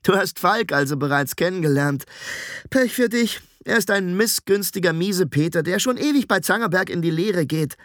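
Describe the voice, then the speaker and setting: A cheeky blond apprentice boy of about fourteen chatters in a high, giggly voice, as a man puts him on. His voice jumps around with mischief. The recording is close and dry. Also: expressive, normal speed, a bit bright, dry recording. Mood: cheeky, teasing.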